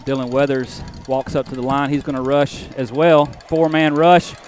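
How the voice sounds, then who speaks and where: A man working as play-by-play announcer, briskly calling a live football game at an outdoor stadium. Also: medium pitch, level tone, a little mellow, faint music behind. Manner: brisk, calls plays as they happen.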